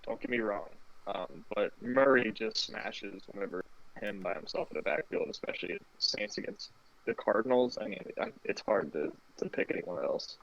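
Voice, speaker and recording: Man on robotic low-sample-rate call audio. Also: moderate pace, vocal fry, a bit bright. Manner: blunt, casual, swears freely. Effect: low sample rate, robotic-sounding internet call audio. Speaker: fantasy football podcast panelist. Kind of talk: casual chat over an online call. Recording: dull lo-fi online call audio.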